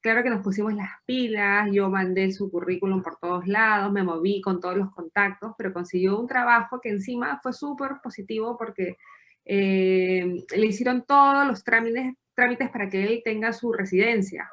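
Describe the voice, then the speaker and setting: A woman from Peru in her thirties, a podcast guest telling her story in a lively, chatty way with occasional laughs. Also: medium pitch, normal speed. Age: 30s. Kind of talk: casual interview storytelling.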